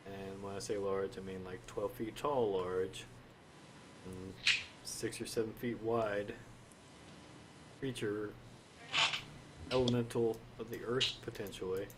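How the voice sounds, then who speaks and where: A man's voice: fairly low pitch, steady tone, slow pace, long pauses, heavy background noise. A man running a tabletop role-playing game as the game master.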